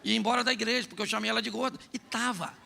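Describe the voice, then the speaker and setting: A Brazilian Portuguese-accented pastor with a very high, gravelly, sharp voice, teasing and joking with his congregation. His sermon echoes through a big church hall with a long reverb. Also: steady tone, very fast, noisy background. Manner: humorous, teasing, talks straight to the congregation.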